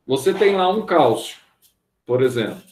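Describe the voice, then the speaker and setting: A man's voice: fairly high pitch, lively intonation, moderate pace, a little mellow. Man from Brazil, chemistry teacher, lecture, asks and answers himself, roomy echo. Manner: asks and answers his own questions, frequent "tá?". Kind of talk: classroom lecture.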